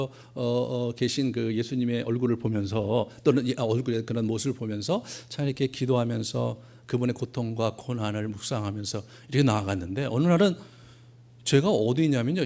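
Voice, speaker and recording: A middle-aged male pastor giving a sermon, telling stories and acting out prayers, swinging between hushed and loud. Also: medium pitch.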